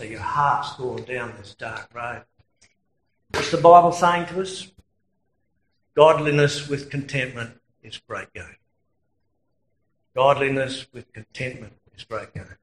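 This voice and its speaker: A man's voice: mid-range voice, a bit bright, echoey room, poor audio. A man with an Australian accent preaching a sermon in a conversational way, telling anecdotes and chuckling at his own stories.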